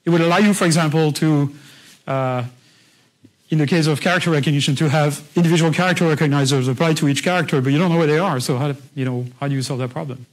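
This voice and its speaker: Higher-pitched man giving a classroom lecture. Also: fast talker, low-quality recording. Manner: explains patiently and checks in with the class; conversational, with frequent restarts. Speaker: university lecturer.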